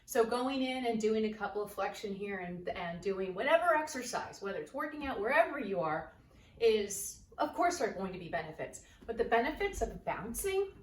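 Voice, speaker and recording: A woman yoga instructor leading an exercise lesson, energetic and coaxing, out of breath as she bounces on a trampoline while she talks. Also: mid-range voice, slight background noise. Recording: roomy, distant camera mic, faint ambience.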